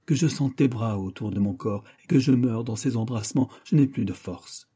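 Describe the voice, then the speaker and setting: A fainting young woman begs her beloved to hold her, as a male narrator reads her lines. The voice is dark and mellow, slightly husky, with little change from the reader's own tone. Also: mid-range voice, moderate pace, close to an everyday voice. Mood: pleading, faint. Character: young woman, exhausted lover, pleading.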